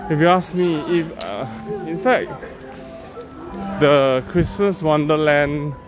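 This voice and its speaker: A man talks his way through a walking tour in an easy, unhurried manner. He sounds chatty and upbeat and speaks into a phone while walking. Loud background music runs under his voice. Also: a little high, animated. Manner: slow, chatty, upbeat guide. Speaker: vlog host. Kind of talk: casual walking tour commentary. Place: large indoor and outdoor garden complex at night. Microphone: handheld phone camera while walking.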